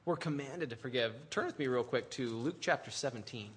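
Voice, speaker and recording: A male pastor preaching a sermon in an animated, conversational way, full of restarts and asides. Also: medium pitch, fairly quick, slightly rough.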